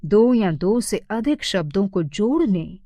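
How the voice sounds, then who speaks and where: A woman narrating an animated grammar lesson for children as a teacher, speaking expressively and stressing each example sentence. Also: mid-range voice, slow, dry recording, studio quality.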